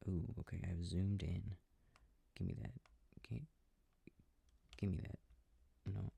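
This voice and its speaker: An audio roleplay performer plays an affectionate, easily confused boyfriend in a soft sleep-aid scene, muttering hesitantly to himself over a video game with controller clicks in the background. Close to a dry mic, his deep, creaky, slightly rough voice moves slowly in an exaggerated way. He sounds puzzled and absorbed.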